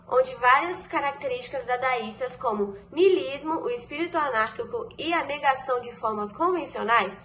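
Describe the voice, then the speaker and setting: High-voiced young woman reading a presentation. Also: fairly bright tone, slight background noise, poor audio. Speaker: student presenter. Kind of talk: school presentation.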